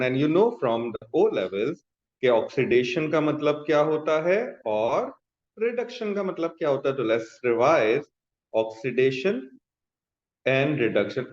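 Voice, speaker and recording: With a mid-range, darkish voice, a Pakistani-accented chemistry teacher lectures his class, alternating explanations with questions. He repeats key terms and often checks understanding, and the audio has a dull, echoey room quality.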